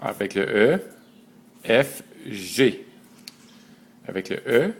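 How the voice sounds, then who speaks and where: A man, slowly and methodically teaching a writing system letter by letter. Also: fairly low pitch, sing-song, gravelly, slightly rough. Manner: slow and methodical, spelling out letters one by one. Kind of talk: step-by-step lesson.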